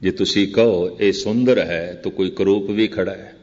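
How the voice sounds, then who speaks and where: An older man delivers a scripture sermon in slow, measured phrases, often repeating and contrasting his lines. His voice is low-pitched. The recording is dull and muffled, with a long echo hanging in the hall. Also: fairly even intonation, a little mellow. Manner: chants quoted verse very slowly. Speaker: Sikh preacher giving katha.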